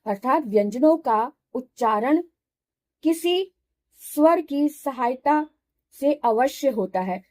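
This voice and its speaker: A woman teacher walks through a grammar lesson at an unhurried pace. She pauses to sound out each syllable slowly and clearly. Her voice sits slightly high but stays soft and mellow. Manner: patient, slow syllable-by-syllable demonstration. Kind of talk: Sanskrit grammar lesson explained in Hindi.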